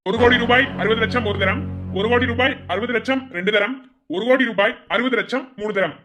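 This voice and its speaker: This is a formal official announcing bids at a tender auction in a cartoon, voiced by a man. His voice sits high for a man. Faint music plays behind him. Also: quick pace. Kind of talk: cartoon voice acting.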